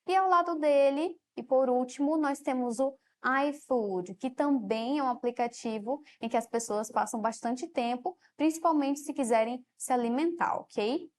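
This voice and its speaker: A woman's voice: high-pitched, slight background noise. Brazilian woman teaching a lesson. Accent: Brazilian Portuguese. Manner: explanatory, often ends phrases with a quieter "ok?". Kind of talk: televised classroom lesson. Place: studio.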